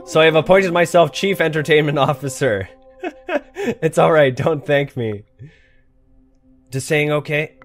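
Gamer guy reading game cards and cracking up, kinda high voice, faint music under it. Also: unhurried, pauses often. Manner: reads game cards aloud and reacts with laughs and swearing. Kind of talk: let's play commentary.

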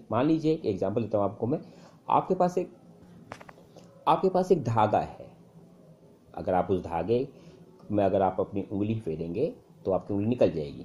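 A man teaching English speaking tips in a casual spoken lesson, full of fillers and repeated phrases. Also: lo-fi sound. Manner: conversational, many fillers and repeated phrases, lively pitch jumps.

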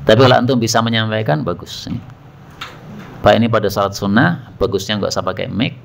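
An Islamic preacher delivers a religious study lecture in a lowish, creaky voice at a fairly quick pace, telling stories with animation, acting out quoted voices and putting questions to his listeners. There's a little hiss or hum on the recording.

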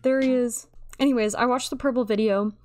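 A woman giving playful, excitable commentary over her gameplay, talking to her viewers. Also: on the high side, brisk, faint music behind. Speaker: gamer.

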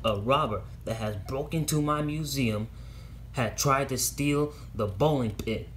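A man's voice: medium pitch, unhurried, background noise, natural voice. A man playing a museum owner announcing breaking news, with music behind.

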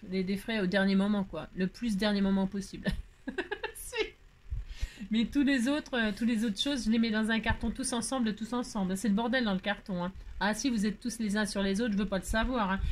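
A woman hosting a crafting channel, chatting casually and exclaiming with delight as she opens mail, with many fillers, and talking to the items she unpacks. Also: mid-range voice. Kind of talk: casual chat while opening mail.

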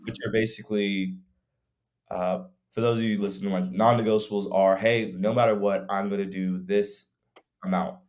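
The voice is on the low side and a little mellow, with little pitch movement and a normal speed. A young man who coaches fitness co-hosts a casual podcast via video call from a room at home, musing in a rambling way with many fillers.

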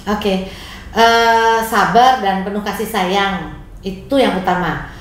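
A woman's voice: medium pitch, takes it slowly. A woman, a family caregiver, talking through practical tips in an earnest, conversational way. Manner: earnest, practical, mixes in English words. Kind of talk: conversational interview answers. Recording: very echoey room, faint noise.

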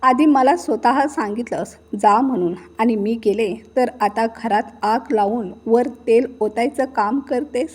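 A woman's voice: on the high side, measured pace, hardly any pauses, darkish tone. A woman voicing an angry, frightened young wife who pleads and protests in a family quarrel. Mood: indignant. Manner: pleading and indignant.

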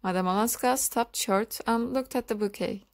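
A woman narrating a classic novel as an audiobook, reading in a measured, literary manner. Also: fairly high pitch. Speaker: audiobook reader.

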